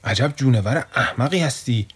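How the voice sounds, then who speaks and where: A man's voice: medium pitch, animated, slightly rough. A man voicing a rude, scornful herd of donkeys in a children's story, mocking and indignant.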